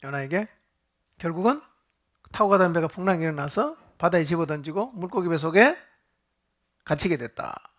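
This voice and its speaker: A man's voice: on the high side, animated, moderate pace, long pauses, a bit bright. A male pastor teaching a Bible study sermon, asking the congregation questions and joking with them.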